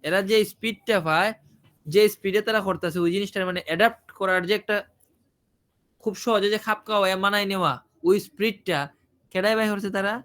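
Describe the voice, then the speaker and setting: A man's voice: high-pitched, fairly even intonation, brisk, pushed and bright. A man teaching an IELTS listening class, asking his students questions and repeating his points. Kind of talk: online listening class, explaining in Bengali.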